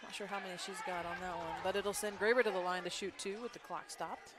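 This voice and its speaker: A woman doing play-by-play for a school basketball game, chatty and quick with her calls, with frequent agreeing hums. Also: fairly low pitch, steady tone, crowd noise. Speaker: play-by-play announcer. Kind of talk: live basketball commentary.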